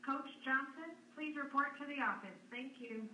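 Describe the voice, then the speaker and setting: A woman making a brief, polite announcement from the school office, heard over a classroom intercom loudspeaker. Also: high voice, moderate pace. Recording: distant, quiet intercom loudspeaker.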